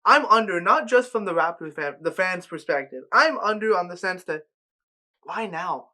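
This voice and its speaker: A man's voice: high voice, animated, normal speed, bright, forceful tone. A man co-hosting a casual sports podcast, ranting with lots of fillers and restarts. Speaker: podcast co-host.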